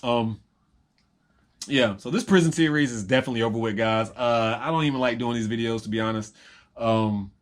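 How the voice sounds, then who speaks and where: A man's voice: mid-range voice, fairly quick. A young man in a rambling, reflective personal monologue to camera, full of ums and repeated phrases. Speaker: vlogger.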